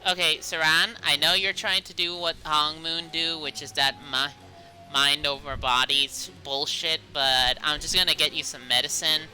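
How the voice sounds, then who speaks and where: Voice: medium pitch, fairly even intonation, moderate pace, bright, forceful tone, soft background music, low-quality recording. A streamer giving casual, sarcastic commentary while playing a game. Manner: sarcastic, irreverent.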